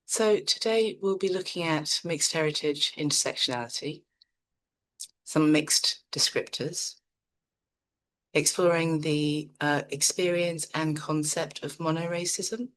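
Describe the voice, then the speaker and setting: Calm and reflective, a middle-aged Nigerian woman speaks in a low voice while giving an online psychotherapy seminar at a measured pace.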